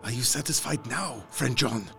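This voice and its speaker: A man playing a grave, earnest older professor and vampire hunter in an audio drama, with creaky voice, quaint foreign phrasing and dramatic delivery. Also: medium pitch, normal speed, pushed and bright, soft background music. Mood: grave resolve.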